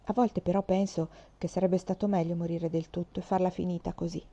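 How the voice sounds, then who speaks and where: A woman's voice: fairly low pitch, little pitch movement, fairly quick, warm tone. A woman voicing a tough, boastful orphan girl of about twelve who talks in a brash, defiant way. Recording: slightly dull lo-fi recording.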